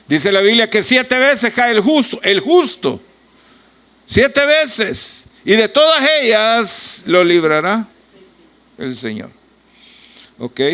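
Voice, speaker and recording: A man with a Salvadoran accent preaching a sermon, gravelly-voiced, swinging between soft asides and loud emphatic lines as he acts out biblical voices. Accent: Salvadoran Spanish. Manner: preaching with wide swings in loudness and pitch, acting out biblical voices. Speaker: pastor.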